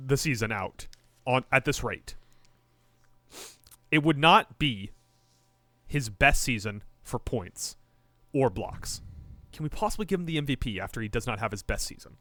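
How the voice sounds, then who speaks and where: Animated, bright-voiced male podcast host. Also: medium pitch, measured pace, pauses often, no room sound. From Japan. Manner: animated, joking, trails off in restarts. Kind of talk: casual sports chat.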